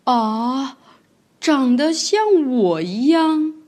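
A woman voicing a big tyrannosaurus who turns into a gentle father, speaking in a gruff, drawn-out way. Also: sits high, animated, full character voice.

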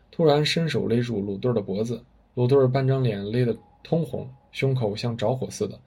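A man's voice: mid-range voice, mellow, husky. A man telling a story with vivid, dramatic narration. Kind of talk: spoken storytelling.

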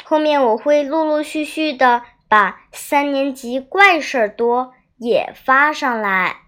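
A young girl hosting a storytelling show, reading a children's diary story aloud in an expressive, dramatic way. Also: sits high, takes it slowly.

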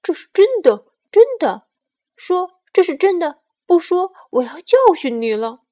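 A woman voicing an excited, emotional little bear cub in a bedtime story, calling out loudly and insistently. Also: high-pitched, slow. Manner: shouting, insistent.

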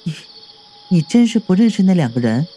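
A man's voice: high voice, big pitch swings, brisk, warm tone, a little hiss or hum. A man doing a fretful, worried patient. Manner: fretful, questioning. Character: anxious, worried hospital patient.

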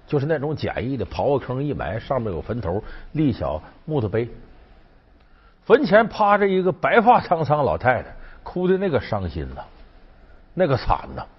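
A man with a husky, medium-pitched voice tells an old legend in a casual, chatty folk-tale style, acting out the quoted lines. The recording is dull and lo-fi with long reverb.

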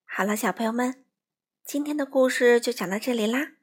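A woman reading a children's picture book aloud with expressive, bouncy sound words. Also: a little high, a little fast, husky. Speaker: children's story reader. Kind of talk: storybook narration for children.

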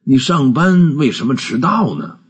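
A man voicing a husky old miser-turned-kind boss. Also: animated, measured pace. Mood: gruff. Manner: low growling, then warm and generous.

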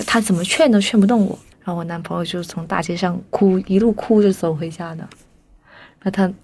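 A young woman telling a personal story as a podcast guest, lively and animated, briefly voicing the people she quotes. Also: on the low side, brisk.

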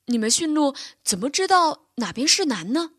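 A woman's voice: fairly high pitch, sing-song, moderate pace, fairly bright tone, dry recording, clean studio sound. A woman voicing a friendly, brave little male polar bear cub who talks eagerly and reassuringly in a bedtime storybook.

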